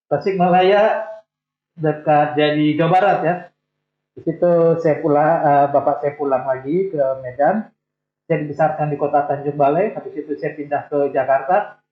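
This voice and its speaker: In no hurry, a man in his sixties from Indonesia shares his life story during a relaxed interview, sprinkling in light self-deprecating humor. His slightly high male voice sounds thin, as if over a phone, with the room echoing around him.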